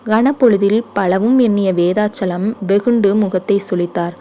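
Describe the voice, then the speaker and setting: A woman narrating a short story for an audiobook in a steady, measured way. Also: medium pitch, slight background noise.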